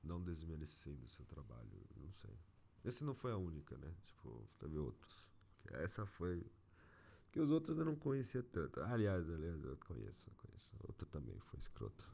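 A man's voice: extremely low pitch, wildly swooping pitch, moderate pace, gravelly, dark tone, slight background noise. A man with a Brazilian Portuguese accent, venting in a casual, slangy monologue as an agency owner fed up with clients. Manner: frustrated, slangy, exasperated.

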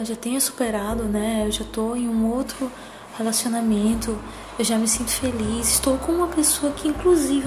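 Casting: woman, higher-pitched cutesy soft voice, slow and gentle personal monologue, music underneath. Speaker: psychologist.

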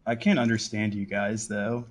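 A man's voice: on the low side, flat delivery, moderate pace. A man calling in to a live show, explaining his view hesitantly with many fillers. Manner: hesitant, thinking aloud with fillers. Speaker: caller. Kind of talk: casual call-in.

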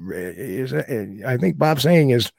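A man hosting a show in casual, joking chat, with a halting, teasing way of talking. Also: medium pitch, animated, gravelly, darkish tone, dry recording, clean studio sound. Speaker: show host.

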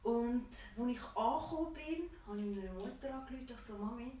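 A woman's voice: a little high, expressive, a little fast, dark tone, a little hiss or hum. A woman with a Swiss German accent tells a personal story in conversation, acting out quoted dialogue and laughing often. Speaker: guest. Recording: echoey room, distant mic.

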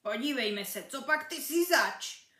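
Woman reader putting on an old grouchy talking ball: croaky, grumbling, roomy echo. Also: on the low side, a bit bright, natural voice. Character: old grumpy cracked rubber ball, male. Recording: echoey room.

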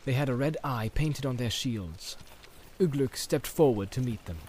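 A man reading a fantasy audiobook as narrator, in a measured, dramatic storytelling manner. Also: mid-range voice, animated, darkish tone, slight background noise. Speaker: audiobook reader.

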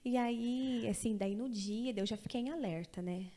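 A woman's voice: a little high, moderate pace, warm tone. A woman in her thirties, a guest on a chat show, telling a personal story in a casual way and acting out the voices of the people in it.

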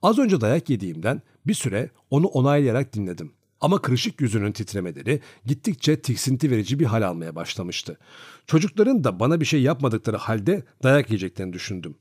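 A man's voice: medium pitch, a little fast, breathy edge, no echo, studio quality. A man narrating a classic novel as an audiobook, reading expressively. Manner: expressive storytelling.

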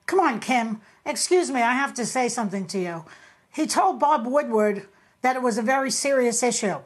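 A woman's voice: fairly high pitch, animated, moderate pace. A woman co-hosting a TV talk show, pressing a guest in a pointed, confrontational way. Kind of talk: televised panel debate.

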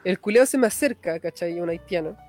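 A young man with a Chilean accent telling a story in casual chat, slangy and quick, with a tag at the end of every phrase. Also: high-pitched, animated, a little mellow, soft background music. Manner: fast slangy storytelling, frequent "cachai" tags.

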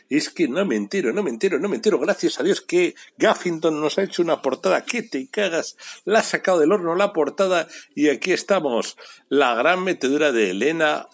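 Crude, mocking man ranting. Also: fairly high pitch. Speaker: podcast host. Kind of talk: casual ranting commentary.

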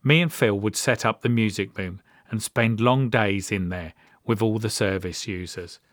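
With a lowish voice at a moderate pace, a middle-aged British man shares personal stories as a podcast host in a monologue. The recording is dry, and his delivery is understated, wry and dry.

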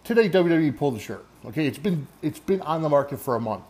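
A man's voice: a little high, expressive, quick pace, a little mellow. Emphatic man hosting a sports podcast. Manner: emphatic, conversational, checks in with "okay?". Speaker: podcast host. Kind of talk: casual solo sports podcast commentary.

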